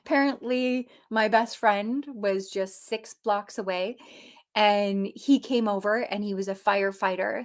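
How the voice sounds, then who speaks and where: A woman from Canada telling her own story in casual talk, animated, with many fillers and restarts. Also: mid-range voice. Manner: animated, acts out voices in quoted dialogue. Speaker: personal storyteller.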